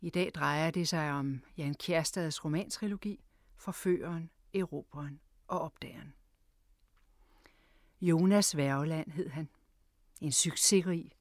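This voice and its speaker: Woman storyteller and radio host, lowish voice, dry close sound, dramatic whispers. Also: dry recording. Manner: dramatic shifts between full voice and whisper.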